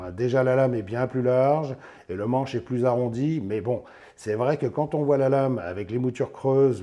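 A hoarse man hosts a casual knife review, his voice nearly gone. He talks in a chatty, joking way and tags his sentences with little asides. His tone is very dark and mellow, at a middle pitch. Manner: chatty, jokey, tags lines with "hein". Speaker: knife review channel host.

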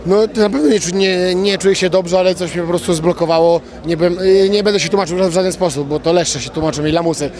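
A young man, a fighter, answering post-fight interview questions outdoors into a handheld mic, halting with many fillers and restarts and blunt slang. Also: high-pitched, fairly even intonation, a little mellow. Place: outdoors at an event press wall. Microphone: handheld reporter mic.

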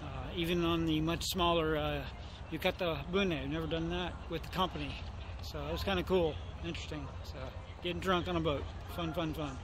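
Vlogger, middle-aged man with a higher voice, rambling and wry, handheld camera outdoors on a boat at night, loud wind and engine noise. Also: steady tone, brisk, hardly any pauses. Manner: chatty, rambling, wry asides. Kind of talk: casual vlog narration. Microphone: handheld camera at arm's length.

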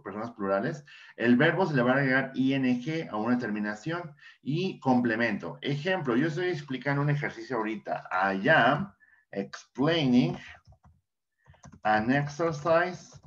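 A man's voice: medium pitch, a bit bright. A man with a Mexican Spanish accent teaching an English lesson, patiently repeating words and answering his own questions for students. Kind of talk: classroom lesson explanation. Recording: dull lo-fi sound.

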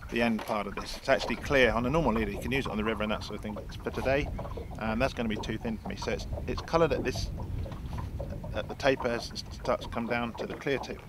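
Out on a lake in a small boat, a man in his sixties who guides fishing trips demonstrates his tackle rig, talking chattily and restarting a lot. He speaks quickly in a mid-range voice with fairly even intonation, against outdoor wind and water sounds.

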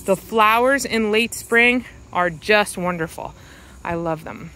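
A woman with a bright, crisp voice talks slowly and fondly as she walks her garden, naming plants one by one. She films herself from behind a handheld phone outdoors, and faint traffic hums in the background. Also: medium pitch, rough recording. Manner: unhurried, explanatory, fond of her plants. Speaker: home gardener giving a garden tour. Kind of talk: casual walking garden tour. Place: outdoors in a suburban yard garden. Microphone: handheld phone camera, speaker behind it.

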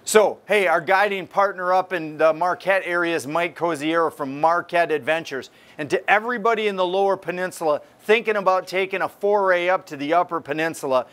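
An older man delivers a fishing report in a lively, conversational way. His voice sits a bit high for a man. He talks straight to the camera from inside a tackle store. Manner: energetic, gestures while talking to camera.

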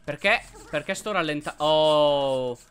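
A man hosting a let's play, commenting on gameplay and yelping excitedly at enemies. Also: a little high, slow, a little hiss or hum. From Italy. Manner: excitable, yelps and shouts at enemies.

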